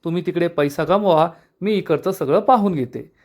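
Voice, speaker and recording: A man voicing a sharp-tongued, scheming middle-aged aunt who snaps irritably. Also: on the high side, normal speed, lightly acted. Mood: irritated.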